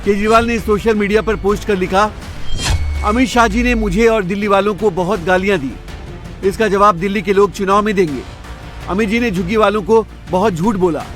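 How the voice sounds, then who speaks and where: A man's voice: high voice, fairly quick, fairly bright tone, faint music behind. A man reading scripted news narration.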